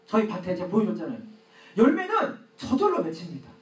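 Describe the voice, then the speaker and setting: A man's voice: high-pitched, huge pitch swings, fast talker. A middle-aged man preaching a sermon as pastor, acting out his own prayers and quarrels. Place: church sanctuary. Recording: echoey church hall, mic at a distance.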